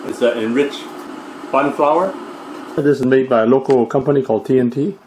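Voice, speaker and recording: A man's voice: medium pitch, noisy background. Easygoing man chatting through a food vlog. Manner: easygoing, frequent "uh" pauses while explaining. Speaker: food vlogger. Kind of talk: casual vlog and cooking demo.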